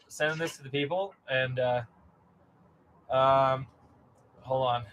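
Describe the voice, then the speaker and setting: A man's voice: medium pitch, fairly bright tone. A man hosting a casual livestream like a showman, hyping things up and repeating phrases for emphasis, in a noisy recording. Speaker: livestream host. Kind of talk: hyped casual livestream patter. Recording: clearly noisy live stream recording.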